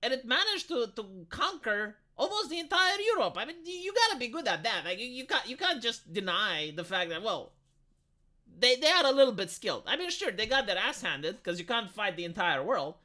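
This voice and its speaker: A man's voice: very high-pitched, very animated, a little fast, sharp tone. A man with a tinny, metallic sound, chatting casually and bluntly as a live streamer who argues back at comments. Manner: argumentative, blunt, swearing. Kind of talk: casual opinionated chat, answering comments.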